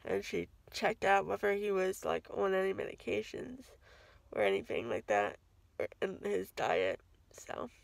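Chatty woman vlogging with a gravelly edge. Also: mid-range voice, expressive, measured pace, no echo. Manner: chatty, rambling, self-correcting. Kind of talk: casual vlog update. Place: home kitchen, then parked car. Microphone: phone at arm's length.

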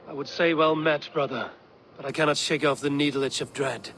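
An actor playing a proud, wary Viking warrior in a video game, stern and brooding, with formal archaic phrasing. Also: male voice, on the high side, steady tone, brisk, fairly bright tone, slight background noise, lightly acted. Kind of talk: video game dramatic acting.

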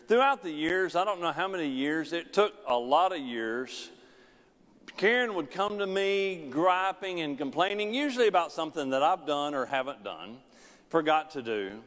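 A middle-aged male pastor delivers an animated sermon at normal speed, pacing the stage of a large church sanctuary. His preaching swings widely in pitch and loudness, and the recording carries a long church-hall reverb.

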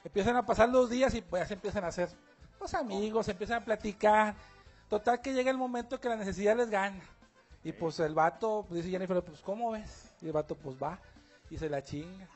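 High, husky joke teller. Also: male voice, darkish tone. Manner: slangy, rambling storyteller. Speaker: radio comedy host. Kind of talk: telling a crude joke on air.

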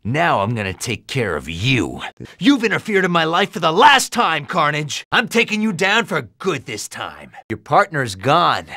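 Wisecracking Spider-Man, lively American hero. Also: fairly high pitch, unhurried, no echo, studio quality, exaggerated voice. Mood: determined, defiant. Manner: quippy, animated. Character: wisecracking young male superhero, cocky and upbeat. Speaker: video game character. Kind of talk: video game voice acting, quips and hints.

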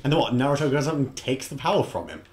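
A man's voice: mid-range voice, very animated, fast talker, a little mellow. A man chatting and laughing with friends while playing a video game. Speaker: player in a gaming let's play. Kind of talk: casual banter while playing.

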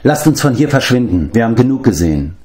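A man reading an audiobook, voicing a noble adult male prince and war leader who speaks in a measured, commanding way. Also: mid-range voice, big pitch swings, darkish tone, close to an everyday voice.

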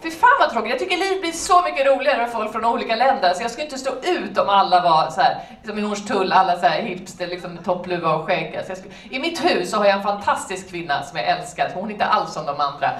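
A woman's voice: medium pitch, lively intonation, hardly any pauses, a bit bright. A young adult woman doing a stand-up routine, talking in a wry, conversational way. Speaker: stand-up comedian. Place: comedy club stage. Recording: echoey room from far off with crowd. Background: audience laughter and noise.

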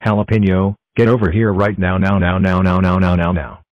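A man's voice: low voice, little pitch movement, brisk, dry recording, natural voice. A synthetic male voice playing a bossy, accusing boy in a cartoon, scolding with repeated words. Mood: furious. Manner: shouting repetitions, scolding. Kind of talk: text-to-speech cartoon voice. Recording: dull dry lo-fi audio.

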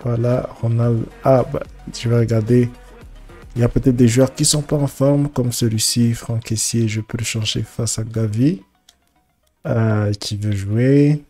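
Congested from a cold, a man streaming a football game offers casual commentary, halting and repeating words as he thinks aloud. His voice is mid-range and warm, with fairly even intonation. Faint music plays in the background.

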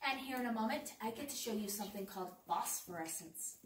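A woman's voice: medium pitch, fast. A woman working as a tour guide, talking playfully and chattily to a group in an echoing cave. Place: underground cave room. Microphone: visitor's phone at a distance. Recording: echoing cave, distant mic, faint noise.

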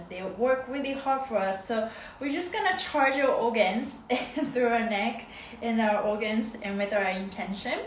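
A woman in her thirties, originally from Japan and a native Japanese speaker, leading a live-streamed movement class with bubbly, sing-song greetings and frequent laughs, filmed on a phone in her living room. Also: a little high. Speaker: movement coach. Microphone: phone camera, close then from across the room. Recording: echoey room with faint noise.

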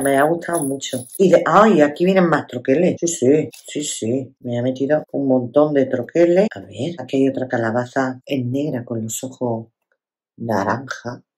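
A woman's voice: extremely low pitch, a little mellow. A woman from Spain chatting casually as she unboxes craft gifts on her scrapbooking channel, exclaiming often and checking in with her viewers. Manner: chatty, exclaiming, lots of tag questions.

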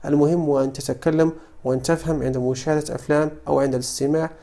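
A man with a Moroccan Arabic accent gives an English lesson, explaining vocabulary in a somewhat high voice. He drills each word slowly and repeats it, like a patient tutor. His delivery stays steady and instructional. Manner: slow, repeated model pronunciations of English words. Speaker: English teacher.

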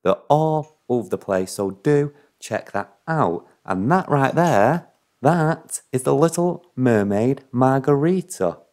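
Gravelly-voiced man hosting a cocktail tutorial. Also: medium pitch, lively intonation, takes it slowly, a little mellow. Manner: chatty, playful, with apologetic asides. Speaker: cocktail show host. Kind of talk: recipe tutorial voice-over.

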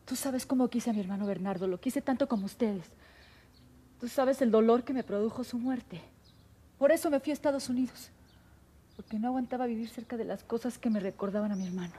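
A woman's voice: a little high, brisk, warm tone, slight background noise, lightly acted. An actress playing a young adult daughter, defensive and pained over her brother's death. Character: guilt-stricken daughter back from abroad.

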